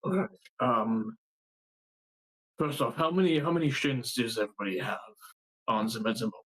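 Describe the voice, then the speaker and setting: A man playing an earnest, cautious adventurer in a tabletop game, speaking formally and haltingly. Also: mid-range voice, animated, a bit bright, poor audio.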